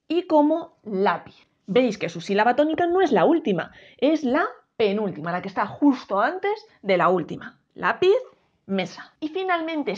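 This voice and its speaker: Lively teacher, muffled sound. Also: female voice, on the high side. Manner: clear, drawn-out syllables for teaching. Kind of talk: explaining a Spanish grammar lesson. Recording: dull lo-fi sound.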